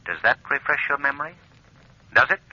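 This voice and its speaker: An actor playing a mysterious, commanding crime-fighter in a theatrical 1940s radio mystery style, precise and menacing. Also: male voice, mid-range voice, fairly quick, sharp tone. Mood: stern, accusing. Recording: dull old-time radio recording.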